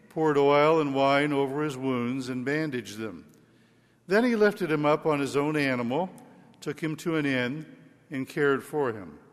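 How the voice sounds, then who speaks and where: A man speaking as a priest at a church service, reading and preaching with solemn, deliberate phrasing and measured pauses. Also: mid-range voice. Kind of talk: liturgical Gospel reading and homily. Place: large reverberant church. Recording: echoey cathedral-like hall with long reverb.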